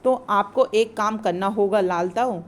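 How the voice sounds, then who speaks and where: A woman's voice: medium pitch, measured pace, close to an everyday voice. A woman reading the part of a clever, helpful crow from a children's play, in a plain reading voice. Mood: planning. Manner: read aloud plainly from the play.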